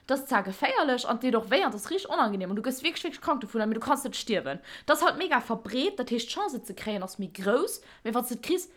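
Lively, animated young woman telling stories. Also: on the high side, quick pace, hardly any pauses. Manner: animated storyteller, laughs often. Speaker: podcast co-host. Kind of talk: casual chat.

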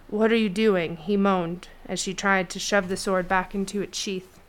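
Woman, audiobook narrator, smooth resonant voice, even storytelling delivery. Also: mid-range voice. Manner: steady storytelling read. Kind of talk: scripted fiction narration.

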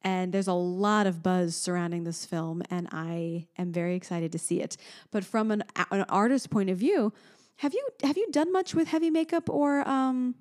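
A young woman co-hosting a casual chat, excitable and quick to gush, leaping up in pitch when delighted. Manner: chatty and excitable, jumps high when delighted.

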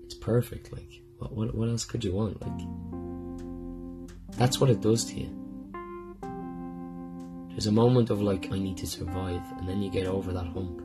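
A man with a low, gravelly voice hosts a podcast, talking through a rambling, heartfelt monologue and swearing freely along the way. Plucked guitar music plays clearly behind him. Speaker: podcast host. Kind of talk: casual personal monologue.

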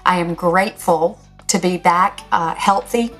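An older woman with a raspy, slightly hoarse voice, speaking as a host in an encouraging, emphatic motivational talk straight to her listeners. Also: lowish voice, unhurried, fairly bright tone, soft background music. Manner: encouraging, direct address, emphatic. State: slightly hoarse, recovering from illness. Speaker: podcast host.

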